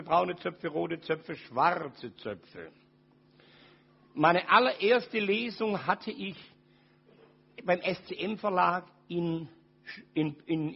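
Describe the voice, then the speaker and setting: An older man giving a personal testimony to an audience, dramatic, dropping from loud to very quiet. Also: high-pitched, creaky, slightly rough, lo-fi sound.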